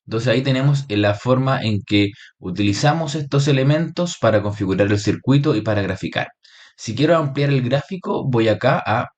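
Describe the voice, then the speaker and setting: A man teaching electronics through a screen-recorded software tutorial, explaining each step and checking in with frequent short questions. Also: lowish voice, dull audio.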